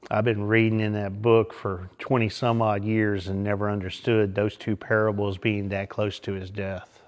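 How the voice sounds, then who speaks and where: At a small church, a lay preacher gives a short, informal talk, folksy and conversational, poking fun at himself along the way. His voice sits on the low side, level in tone, at a moderate pace.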